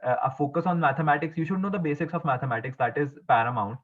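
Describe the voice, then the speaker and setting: A young man giving formal interview answers as an exam topper, speaking in a halting, earnest, explanatory way with frequent stumbles and repeats. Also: on the high side. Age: young adult. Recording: muffled, phone-like narrow band.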